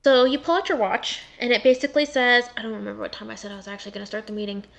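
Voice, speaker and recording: A woman's voice: fairly high pitch, steady tone, racing, creaky, fairly bright tone. A woman running an online tabletop game as game master, talking in a valley-girl way with lots of "like".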